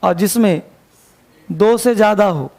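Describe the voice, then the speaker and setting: Male grammar teacher, high gravelly voice, dictates definitions slowly, quizzes the class. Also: a little mellow. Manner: asks students rhetorical check questions. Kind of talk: classroom lecture.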